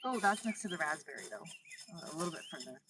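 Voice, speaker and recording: Woman, gardening livestream host, chatty, a bit low, recorded on a phone at a distance outdoors, noisy background. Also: lively intonation, quick pace. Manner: chatty, reads viewer comments aloud, talks while working. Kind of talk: casual live garden chat. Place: outdoor garden in light rain. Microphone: phone set up outdoors.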